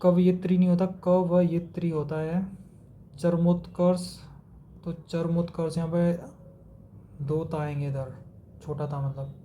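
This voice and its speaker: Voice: medium pitch, little pitch movement, measured pace, pauses often, mellow, a little hiss or hum. A teacher giving an exam-prep spelling lesson, methodically contrasting wrong and right word forms and mixing in English words. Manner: mixes English words into Hindi explanation.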